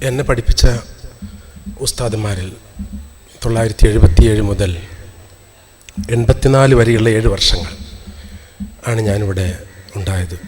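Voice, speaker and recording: A man's voice: fairly low pitch, measured pace, long pauses, a little mellow. A middle-aged man gives a reunion speech, earnestly telling his audience about his school days. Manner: earnest, reminiscing address to an audience. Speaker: alumnus speaking at a college reunion. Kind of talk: public speech.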